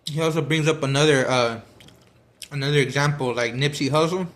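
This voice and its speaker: A man's voice: a little high, a little fast, a bit bright. A man talking casually about a book he is reading, rambling with many fillers and restarts while he eats. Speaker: vlogger discussing a book. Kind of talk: casual chat.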